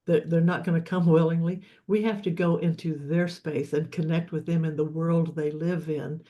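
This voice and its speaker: Higher-voiced man coaching on leadership. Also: level tone, normal speed, mellow, highs cut off. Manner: explanatory, repeats words and restarts often. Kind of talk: live online leadership session.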